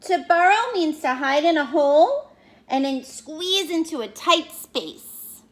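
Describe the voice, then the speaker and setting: Her voice sits high as she reads a picture book aloud to young kids. She is expressive and teacherly, breaking off to explain and to ask the children questions.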